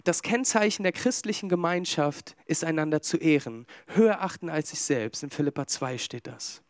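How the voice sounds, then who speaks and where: A man's voice: a little high, lively intonation, moderate pace, no echo. A man preaching a sermon to a small congregation, talking in a conversational way with fillers and humorous asides.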